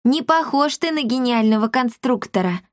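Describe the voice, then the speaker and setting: A woman's voice: on the high side, lively intonation, moderate pace, dry recording, studio quality, pitched above the performer's own voice, lightly acted. A woman voicing a feisty, indignant little girl in a storybook reading.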